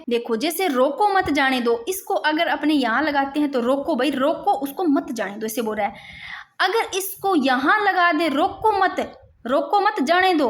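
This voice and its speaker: A woman teaching an exam-prep grammar lesson, explaining and repeating points to her students. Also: high voice.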